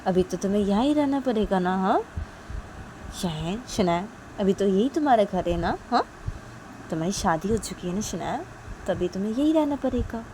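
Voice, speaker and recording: A woman's voice: mid-range voice, animated, moderate pace, mellow, close to an everyday voice, low-quality recording. A woman voicing an affectionate middle-aged mother who coaxes with short questions, with traffic noise behind. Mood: teasing. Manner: coaxing questions with "haan?".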